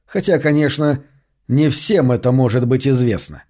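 A man's voice: medium pitch, moderate pace, close to an everyday voice. A man reading the lines of a grown son with an everyday male voice. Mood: calm. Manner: desperate, pleading shouts. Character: grown son, frantic then commanding.

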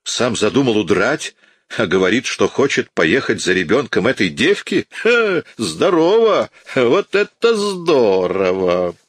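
A man reading an audiobook and voicing a harsh, domineering police inspector who shouts orders with contempt. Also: on the low side, animated, moderate pace, breathy edge, no echo, studio quality. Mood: mocking contempt.

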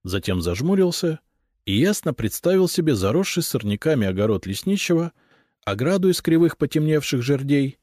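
A man narrating a fantasy audiobook in the first person, with expressive, lively storytelling. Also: mid-range voice, no echo. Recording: dry close studio recording.

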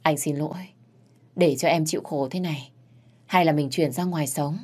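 A woman voicing a gentle young husband who defends his wife and speaks softly to her. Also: low-pitched, moderate pace, husky. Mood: tender. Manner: pleading, soft.

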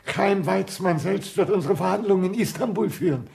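A man's voice: high-pitched, normal speed, gravelly, darkish tone. An actor playing an eager man in a radio drama, speaking in an agitated rush. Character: anxious man greeting a returning courier.

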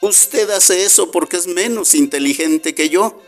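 A man's voice: sits high, a little slow, soft background music, voice pushed up. A man voicing a frightened little female bee in a radio story, speaking in a trembling, pleading voice. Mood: timid defiant.

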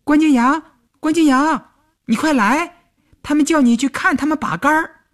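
A man voicing a high childish girl soldier. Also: expressive, slow, exaggerated voice. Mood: eager calling. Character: teenage girl soldier, playful, quick to cry.

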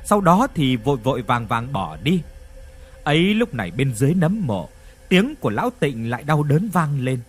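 A man tells a ghost story in an expressive, dramatic storytelling manner. His mid-range voice is husky, and he speaks at a moderate pace.

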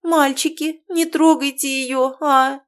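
A woman's voice: high voice, unhurried, darkish tone, pitched above the performer's own voice. A woman voicing a timid young woman who speaks plaintively in an audiobook. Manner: whimpering, plaintive.

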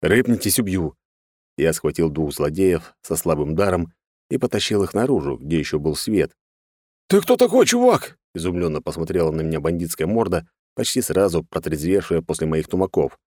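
A man giving an expressive, sardonic first-person audiobook narration. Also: very deep voice, a little fast, dry recording, clean studio sound.

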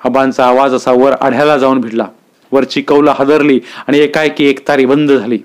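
A man's voice: medium pitch, flat delivery, normal speed. Man reading a story aloud.

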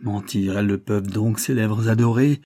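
A man's voice: on the low side, steady tone, moderate pace, dark tone, no room sound, studio quality, close to an everyday voice. A man reading the pleading, impassioned lines of a desperate young lover. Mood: anguished. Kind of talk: audiobook character reading.

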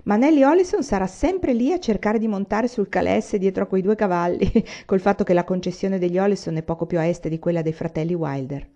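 A woman's voice: medium pitch, a little fast, few pauses, mellow, lo-fi sound, close to an everyday voice. A woman reading the part of a chatty, slightly gossipy teenage girl in a storybook.

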